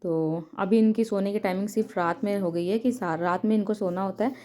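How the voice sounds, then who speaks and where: A young woman narrating her baby's day in a casual home vlog, chatty and sometimes speaking softly so the baby stays asleep. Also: mid-range voice, brisk. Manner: chatty, soft-spoken at times to avoid waking the baby. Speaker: family vlogger, mother.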